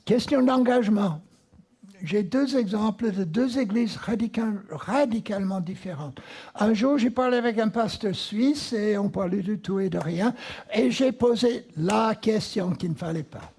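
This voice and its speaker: Slow, emphatic preacher with an American accent. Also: male voice, high-pitched, a little mellow, husky. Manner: slow, emphatic, repeats key words. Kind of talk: sermon. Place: church.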